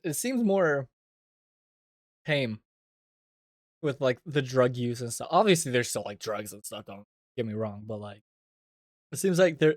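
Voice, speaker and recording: A man's voice: medium pitch, a little mellow, no room sound, studio quality. A man streaming casual reaction commentary, talking informally with lots of "like" and some swearing.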